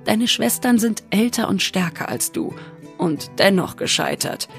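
A woman's voice: mid-range voice, animated, unhurried, soft background music. A woman playing an old loving but stern knight father. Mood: fond refusal. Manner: affectionate then gruff.

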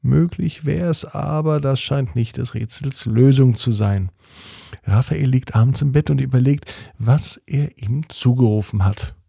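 A man hosting and narrating a bedtime story in a soothing, expressive way. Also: mid-range voice, unhurried, creaky, slightly rough, no echo, clean studio sound.

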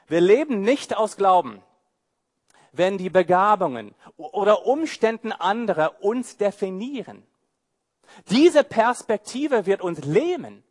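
Male pastor for a sermon; high, swooping voice, unhurried, playful and mocking. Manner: animated, mocking asides and rhetorical questions.

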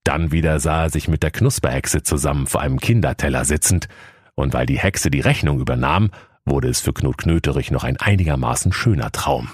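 A man's voice: extremely low pitch, a little fast, slightly rough, dry recording, clean studio sound. A man narrating a comic Christmas story in a playful, mock-solemn storytelling manner.

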